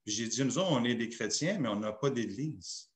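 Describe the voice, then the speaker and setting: Québécois pastor telling a story, echoey room. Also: male voice, mid-range voice, normal speed. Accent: Québécois French. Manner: lively anecdotal storytelling, acting out dialogue. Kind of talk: sermon storytelling. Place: church.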